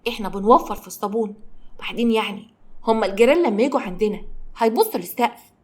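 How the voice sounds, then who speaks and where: A woman's voice: on the high side, racing, a little mellow, lightly acted. A woman doing a stingy, defensive young wife. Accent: Egyptian.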